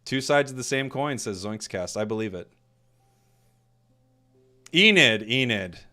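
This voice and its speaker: A man's voice: medium pitch, animated, unhurried, sharp tone, soft background music. A man casting an esports stream, trading joking, teasing banter with his co-host. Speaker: esports caster. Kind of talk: casual esports commentary.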